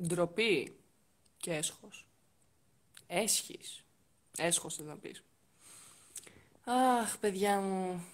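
A woman's voice: on the low side, long pauses. A woman hosting a casual live stream from indoors, teasing and coaxing viewers and guests on a phone mic. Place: indoors next to a heater.

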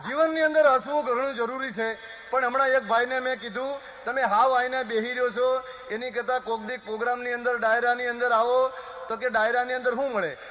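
This high-voiced man from Gujarat, India, is a stand-up comedian spinning folk jokes onstage, his intonation fairly even as he voices villagers and his wife in rapid exchanges. Audience laughter rings through a dull live hall recording with a lengthy echo.

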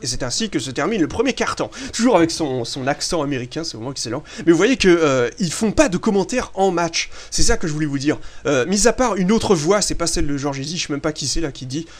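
A young man from France giving chatty, excitable commentary over a basketball video game, swearing casually and filling pauses with hesitations. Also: on the high side. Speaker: gaming video host. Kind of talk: casual let's-play commentary.

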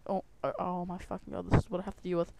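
A man's voice: high voice, flat delivery, very fast, creaky. A young man co-hosting a gaming video with casual, teasing banter. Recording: slightly noisy home mic with clicks.

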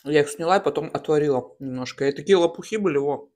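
A woman in her thirties chats casually and slangily while eating in a mukbang, chewing and smacking, with pauses between bites. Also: low-pitched, a little mellow. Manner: colloquial, slangy. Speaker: mukbang host. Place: small room at home, at a table.

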